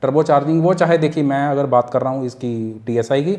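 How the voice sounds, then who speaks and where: A man's voice: mid-range voice, brisk, darkish tone. A man in casual chat, earnestly explaining technical points step by step and repeating key figures, slipping English phrases into his talk. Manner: mixes English phrases into speech. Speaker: guest explaining car engines.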